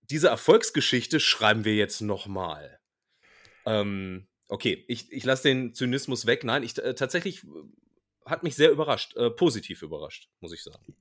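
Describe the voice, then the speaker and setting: A man's voice: mid-range voice, lively intonation, moderate pace, a bit bright. A man from Germany co-hosting a casual football podcast, speaking with many fillers. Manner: hesitant, with fillers. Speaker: podcast co-host.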